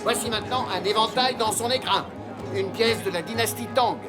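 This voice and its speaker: An actor playing a brisk, formal auctioneer who calls out and repeats rising bids in a drama. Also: mid-range voice, natural voice. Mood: urging. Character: brisk auctioneer at an antiques sale. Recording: background music and murmuring auction crowd.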